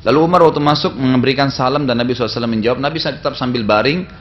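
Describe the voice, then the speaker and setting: A male preacher delivering a sermon in an easy, conversational storytelling manner, often closing his sentences with casual tag fillers. His voice sits at an ordinary middle pitch. The lecture recording sounds dull and lo-fi, with a faint hiss underneath. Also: rapid-fire. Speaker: Islamic preacher.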